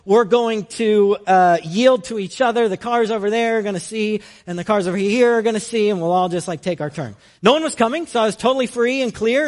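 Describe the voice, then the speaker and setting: A young man preaching a conversational sermon in a storytelling way, often using "like" as a filler. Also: high-pitched.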